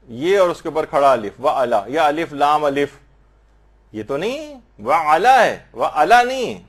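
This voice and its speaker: Man slowly teaching prayer pronunciation. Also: on the high side, a bit bright. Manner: patient, explanatory, slowly demonstrates Arabic pronunciation. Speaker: religious teacher. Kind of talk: religious instruction on prayer recitation.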